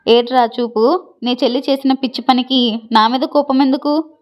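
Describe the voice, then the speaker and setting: A woman's voice: sits high, fairly even intonation, normal speed, dull audio, close to an everyday voice. A woman voicing an angry, sarcastic young man in a read-aloud love story, blunt and scolding. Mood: scornful. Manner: scornful, mocking. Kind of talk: storybook reading.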